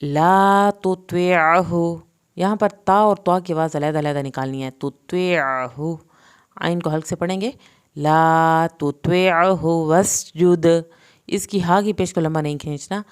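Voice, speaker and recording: A woman with a Pakistani Urdu accent teaching Quran recitation rules, reciting each word slowly and then explaining it quickly. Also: lowish voice, a little mellow, clean tone. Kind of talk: tajweed lesson.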